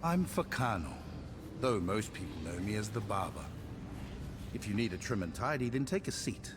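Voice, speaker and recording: An actor voicing a sly, gossipy travelling barber in a video game, theatrical and confiding in his smooth talk. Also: low voice, noisy background. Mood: sly, welcoming. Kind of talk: video game character dialogue.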